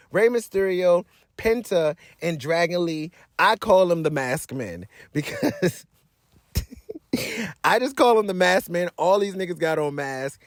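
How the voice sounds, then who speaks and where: A man with a fairly high voice that leaps up and down as he vents about a wrestling show, cursing freely. His talk is slangy and blunt, full of rambling asides. The sound is dry, with no room echo. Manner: exasperated, blunt, swears freely. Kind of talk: casual profane rant.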